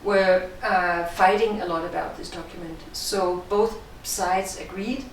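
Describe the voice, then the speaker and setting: A middle-aged woman director speaks with a Danish accent, explaining her work in a measured, thoughtful way. Her voice sits somewhat low and is picked up from a distance in a strongly echoing room, with a faint hiss behind it. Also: steady tone. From Denmark. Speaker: film director. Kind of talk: interview answers. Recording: echoey room, distant mic.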